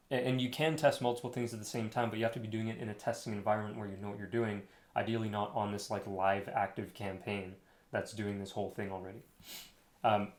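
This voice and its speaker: A young man telling a rambling story, full of fillers, as he coaches listeners on running an agency. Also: fairly low pitch. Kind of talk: casual advice monologue. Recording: echoey room.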